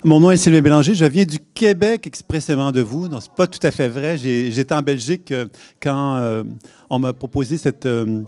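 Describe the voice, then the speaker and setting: A man's voice: medium pitch, moderate pace, mellow, no room sound. A man with a Québécois accent giving a talk at a conference, often hesitating and restarting his sentences. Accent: Québécois French. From Quebec. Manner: hesitant, many restarts and fillers. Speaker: conference speaker. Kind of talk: public lecture. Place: conference hall.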